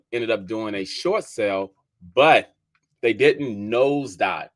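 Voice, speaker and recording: A DC podcast host who's also a real estate agent talks to his listeners in a casual, chatty way, his mid-range voice fairly bright. Expect plenty of "y'all," figures repeated for emphasis, and constant sneezing.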